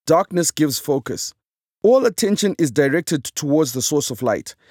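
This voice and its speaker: A man's voice: on the high side, darkish tone, dry recording. A man with a Zimbabwean accent reads aloud from his own inspirational book, his voice still carrying a touch of morning. He delivers it in a reflective, motivational cadence that leans toward preaching. The recording is dry and close, with no room sound.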